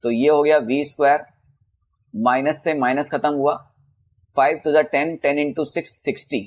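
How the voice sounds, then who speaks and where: Casual man teaching physics, slightly high. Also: steady tone. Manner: casual, addresses students as bhaiya and beta; reads English questions slowly. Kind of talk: exam problem-solving lesson.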